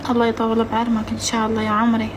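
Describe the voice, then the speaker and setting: High-pitched plaintive young Iraqi woman voiced by a man. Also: monotone, racing, background noise. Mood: apologetic, affectionate. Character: distressed, apologetic, affectionate young Iraqi woman. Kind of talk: prank phone call.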